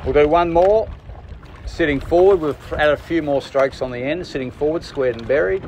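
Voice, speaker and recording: A man's voice: fairly high pitch, normal speed. A man coxing a rowing crew, calling out terse, clipped commands. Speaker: rowing coxswain. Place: outdoors in a rowing boat on water. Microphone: coxswain's worn microphone. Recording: noisy on-water boat recording. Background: loud water and boat noise.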